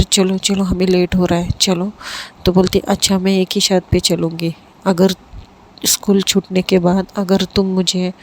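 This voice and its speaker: A woman's voice: on the low side, low-quality recording. A woman casually telling a serialized love story, lightly voicing the characters in her own voice, with frequent fillers and restarts. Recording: steady background noise.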